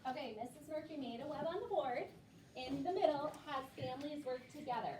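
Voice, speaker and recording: Fairly quick and pitched high, this woman's voice belongs to a primary school teacher steering a discussion among young kids. She repeats their answers and encourages them. The recording sounds echoey, with a distant mic and clear background noise.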